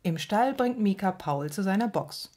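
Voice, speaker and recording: A woman narrating a children's story in a gentle, even manner. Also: mid-range voice, normal speed.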